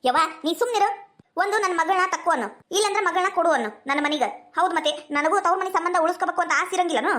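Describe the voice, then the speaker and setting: A woman's voice: very high-pitched, racing, a bit bright. A woman playing a bossy, nagging village mother with a North Karnataka accent in a comedy skit. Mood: pleading. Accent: North Karnataka Kannada. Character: scheming, scolding middle-aged village mother.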